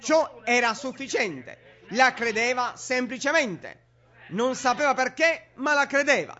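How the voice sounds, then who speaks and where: A man's voice: very high voice, animated, a little slow, pushed and bright. A man preaching a sermon in an emphatic, repetitive way, on a dull lo-fi recording.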